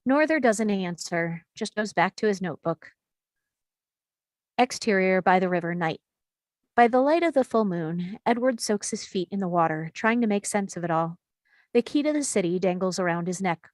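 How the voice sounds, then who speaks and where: A woman reading stage directions aloud in a table read, steady and clear. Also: mid-range voice, normal speed, no echo, clean studio sound.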